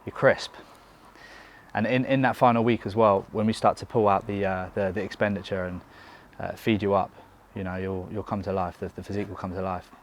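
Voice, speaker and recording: A young man coaching and hosting a casual vlog, chatty and relaxed with frequent fillers. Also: deep voice, fairly quick, slight background noise. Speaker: bodybuilding coach and channel host.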